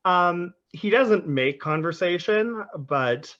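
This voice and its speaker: A man narrating as dungeon master, hesitant and filling his pauses with ums. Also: high-pitched, expressive, a bit bright, lo-fi sound. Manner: hesitant, lots of um and like. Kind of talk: narrating a tabletop game.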